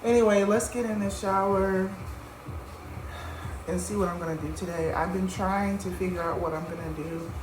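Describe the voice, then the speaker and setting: A woman's voice: mid-range voice, fairly even intonation, normal speed, music in the background. A woman in her thirties chatting casually to the camera in a vlog, rambling with lots of fillers while she gets ready at home. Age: 30s. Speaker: vlogger. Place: home room, getting ready. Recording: echoey room with clear background noise.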